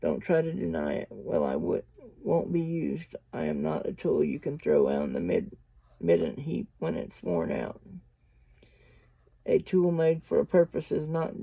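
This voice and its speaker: Man voicing a defiant young man, harsh and gravelly, dark tone. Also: fairly high pitch, animated, measured pace, no room sound, exaggerated voice. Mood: angry. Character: young man, frightened and angry. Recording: dull lo-fi dry recording.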